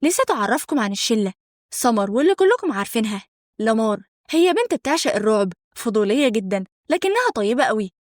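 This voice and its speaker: A woman's voice: a little high, big pitch swings, quick pace, dry recording, studio quality. A young woman with an Egyptian accent narrating a first-person story in a conversational, dramatic way.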